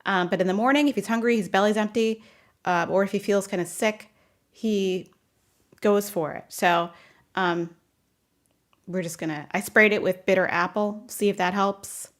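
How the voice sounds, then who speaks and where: A woman's voice: medium pitch, fairly even intonation, moderate pace. Chatty woman rambling with frequent laughs. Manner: chatty and rambling, laughs often, answers viewers' comments. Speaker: streamer chatting with viewers. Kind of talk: casual live chat. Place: home office.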